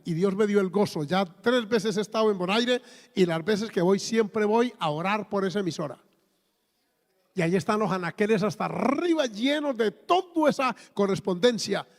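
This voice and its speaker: A man's voice: high-pitched, normal speed. A man in his fifties with a Colombian accent, preaching a sermon emphatically, with exclamations and repeated words. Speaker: pastor. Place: church hall. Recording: long reverb of a church hall.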